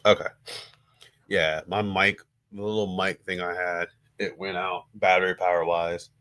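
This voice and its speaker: Deep-voiced man reading news on stream. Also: flat delivery, sharp tone. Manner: hesitant, with frequent fillers and pauses. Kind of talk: casual livestream reading. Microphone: computer's built-in mic.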